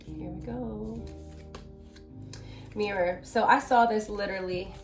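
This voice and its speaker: A woman's voice: mid-range voice, fairly even intonation, slow pace, faint music behind. A woman giving a chatty tarot reading, talking straight to her viewers. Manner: chatty, addresses viewers directly. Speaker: tarot reader.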